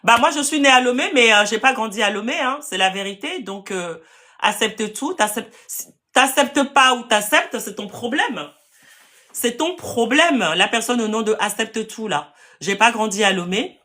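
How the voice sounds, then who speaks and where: A woman's voice: a little high, animated, moderate pace, bright, forceful tone. A woman with a Parisian French accent, hosting a live stream to sell land and answering viewer comments in a direct, firm way. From France.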